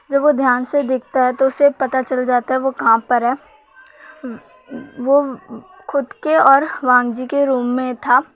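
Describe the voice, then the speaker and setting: A woman retelling a fan story, reading the characters' quoted lines in a soft, gentle way. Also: high voice. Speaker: fanfiction narrator. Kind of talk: storytelling narration with quoted dialogue.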